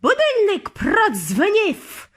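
A woman voicing the scheming witch leader in a children's audiobook, coaxing slowly and sweetly, then shrieking and chanting. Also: high-pitched, sing-song, voice pushed up, full character voice. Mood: shrill gloating.

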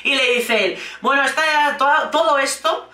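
A woman's voice: high-pitched, moderate pace, pushed and bright. A woman with a Spain Spanish accent giving casual, sarcastic commentary on a reality show, swearing freely and acting out the lines she quotes. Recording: roomy echo, a bit distant from the mic.

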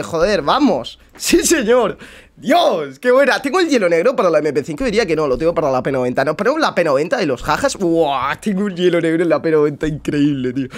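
Excitable young Spanish gamer man. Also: sits high. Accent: Spain Spanish. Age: young adult. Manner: swings from muttering to excited shouting, swears a lot. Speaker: gamer streamer. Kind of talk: live gameplay commentary. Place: bedroom at home.

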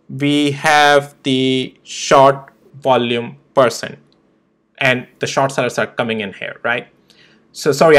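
A man's voice: medium pitch, a bit bright. A young man hosting a stock trading channel, walking through charts in a casual, emphatic way with frequent tag questions. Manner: emphatic, repeats tag questions like "right?" and "okay?". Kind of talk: casual chart analysis walkthrough.

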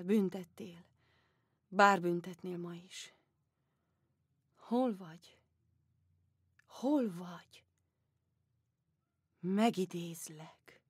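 An actress playing a weary aging empress in a one-woman audio play, speaking softly and musingly, often sinking into whispers. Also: medium pitch, slightly rough, dry recording, studio quality, lightly acted. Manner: soft, musing, drifting into whispers. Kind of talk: theatrical monodrama audiobook.

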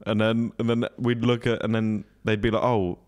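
A man's voice: on the low side, little pitch movement, moderate pace, a little mellow. A young man co-hosting a casual podcast, jokey, laughing often and swearing casually. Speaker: podcast co-host. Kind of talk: casual chat.

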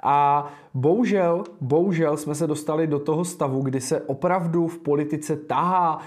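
Blunt young Czech man livestreaming. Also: a little high. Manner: blunt, informal, many filler "eh"s. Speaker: livestream host and political candidate. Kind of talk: casual political livestream commentary.

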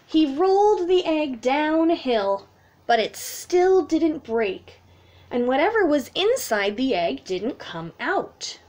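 A woman in her thirties who teaches children reads a picture book expressively at storytime, in a small indoor room at home. She speaks in a high voice at a slow pace, keeping her explanations simple for young listeners.

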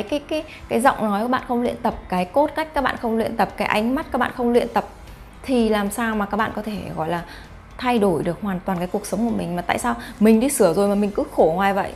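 This woman's mid-range voice carries a darkish tone as she vlogs to camera about face reading. The YouTube host keeps it casual, often directing rhetorical questions at her viewers.

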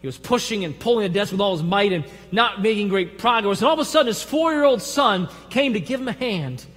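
A high-pitched man with a Michigan accent preaches a folksy, emphatic sermon. His voice swings from loud, driving points down to a near hush. A long reverb from the church sanctuary trails each phrase. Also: expressive, a little fast, husky. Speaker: pastor.

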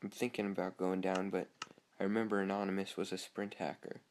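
A man's voice: low voice, flat delivery, a little fast, darkish tone, a little hiss or hum. A young man giving casual, chatty commentary over his own gameplay, talking to himself and easily startled. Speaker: gamer.

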